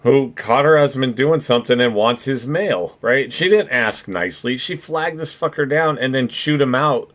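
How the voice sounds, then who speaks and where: A man's voice: mid-range voice, normal speed, few pauses, a bit bright. A man giving casual, rambling reaction commentary, swearing freely and tacking "right?" onto his points. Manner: rambling, profane, keeps adding "right?". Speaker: streamer reacting to videos.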